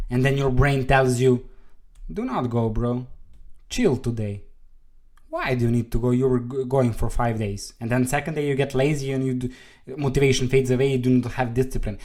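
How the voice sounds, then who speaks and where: A man from Serbia, a trading coach giving a blunt, swear-laced video lesson that keeps checking in with "okay?". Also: on the high side. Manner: blunt, emphatic, swears freely, repeats "okay?".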